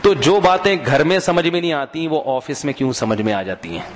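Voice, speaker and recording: Speaking a little fast in a large hall, a high-voiced man preaches a sermon in a conversational style, telling humorous anecdotes and often inviting the crowd to reply. A faint hiss or hum sits under the recording.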